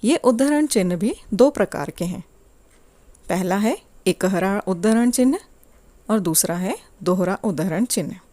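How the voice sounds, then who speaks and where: A woman teaching a grammar lesson to children in a slow, deliberate, clearly paced way. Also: medium pitch, a little mellow, no room sound.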